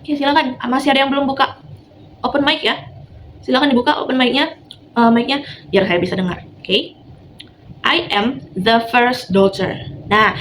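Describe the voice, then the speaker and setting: A woman's voice: mid-range voice, background noise. A woman running an online training session for primary school teachers, encouraging and mixing in English phrases. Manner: sings example lyrics slowly to a nursery tune. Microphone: video call.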